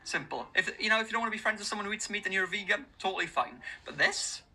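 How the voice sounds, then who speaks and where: Ranting man, bright and animated. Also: sits high, racing, slightly rough, low-quality recording. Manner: mocking, ranting, addresses "ladies and gentlemen". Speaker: commentary video narrator. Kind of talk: opinionated commentary.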